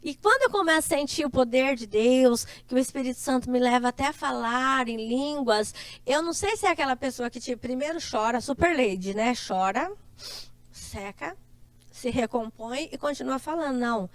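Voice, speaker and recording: A middle-aged woman, a church member, telling stories in a casual, emotional and expressive way. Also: high-pitched, moderate pace, dry recording. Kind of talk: casual chat.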